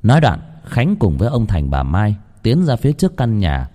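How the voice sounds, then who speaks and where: A man narrating a horror story in an expressive, dramatic reading. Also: fairly low pitch, normal speed.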